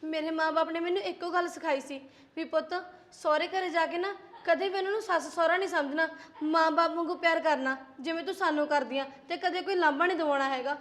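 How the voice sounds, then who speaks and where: A woman's voice: extremely high pitch, steady tone, quick pace, fairly bright tone. A young woman playing a patient daughter-in-law from Punjab, earnest and pleading. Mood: hurt. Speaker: young wife. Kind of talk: amateur village drama acting.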